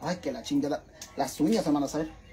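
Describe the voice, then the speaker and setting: A man's voice: fairly high pitch, a little fast, dark tone, faint music behind. A man with a Mexican accent talking in a casual cooking vlog. He is dramatic and chatty, swears freely, and keeps calling his viewers sisters. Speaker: vlogger.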